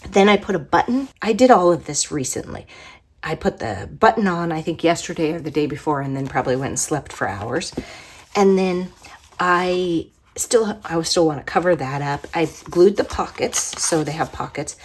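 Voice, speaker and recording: A woman's voice: low-pitched, lively intonation, moderate pace, a little hiss or hum. A woman hosting a crafting channel, chatting casually as she shows her work, her voice worn from being under the weather. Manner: chatty, rambling, soft-spoken at times. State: sick, voice worn from a cold. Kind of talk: casual crafting show-and-tell.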